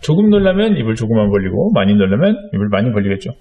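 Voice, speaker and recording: A man's voice: fairly low pitch, very animated, rapid-fire, slightly rough, narrow, tinny audio. A middle-aged man teaching a drawing lesson to young children, explaining patiently step by step with frequent fillers. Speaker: art teacher.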